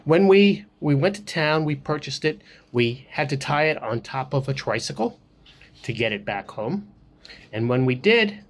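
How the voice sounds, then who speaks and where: An older man telling a personal story in a casual vlog, rambling with frequent pauses and restarts. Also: mid-range voice. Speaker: vlogger.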